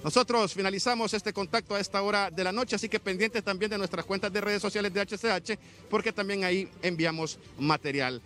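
A man in his thirties from Honduras, reporting live outdoors at night into a handheld microphone with a formal, measured delivery. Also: high voice, pushed and bright. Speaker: field reporter.

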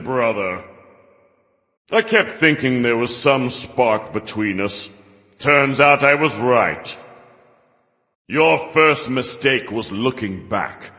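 An arrogant king of the gods lords it over his foes in a video game. His voice is gravelly yet very bright, slow and commanding, with long reverb behind it. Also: fairly high pitch, heavily acted. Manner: pompous, commanding. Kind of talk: video game taunt voice acting.

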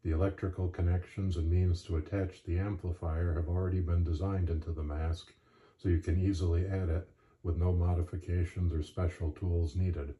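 Very deep, dark-voiced man explaining gear. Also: level tone, normal speed, highs cut off. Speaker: presenter of a gear demonstration. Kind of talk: instructional narration.

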